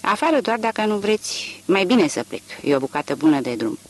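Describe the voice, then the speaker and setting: A man voicing a poor, worn-down country woman who speaks plainly and quietly. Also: high-pitched, very animated, pitched above the performer's own voice. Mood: subdued.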